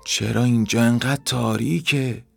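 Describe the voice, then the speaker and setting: A brave, stubborn little ant from a children's storybook, speaking firmly in a mildly raised voice, as a man puts it on. Its tone keeps a gravelly roughness. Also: medium pitch, fairly even intonation, no echo, soft background music. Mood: determined.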